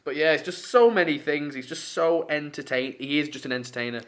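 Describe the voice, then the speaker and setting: A man's voice: on the high side, fairly quick, a bit bright. A man co-hosting a podcast, chatting enthusiastically with many ums and likes. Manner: enthusiastic, hesitant with many fillers. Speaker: podcast co-host. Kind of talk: casual chat.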